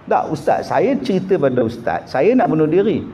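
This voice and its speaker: Brief: pleading, insistent woman caller on the phone, put on by a male preacher in his own lowered voice. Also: sing-song, moderate pace, dark tone, slight background noise. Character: distressed woman caller threatening drama.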